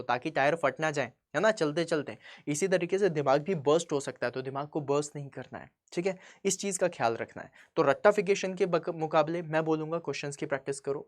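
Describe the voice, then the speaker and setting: A man's voice: on the high side, quick pace, hardly any pauses. A young man, a coaching teacher, giving conversational motivational study advice, checking in with tag questions and building to emphatic points.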